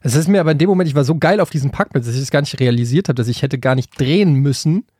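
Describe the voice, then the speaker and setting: Frankfurt guy rambling thru a story on a podcast, bit high voice, dry close mic. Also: very fast, mellow, breathy edge, no echo. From Frankfurt, Germany. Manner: rambling, with many restarts and hesitations, getting worked up as the story builds. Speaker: podcast co-host. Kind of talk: casual storytelling chat.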